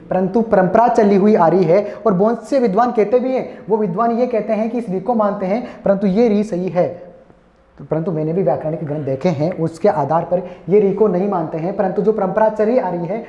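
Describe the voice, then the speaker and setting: A man teaching an exam-prep class, explaining each point over and over, calling his students friends and slowly sounding out vowels. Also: high voice, warm tone. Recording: echoey room, dull lo-fi sound.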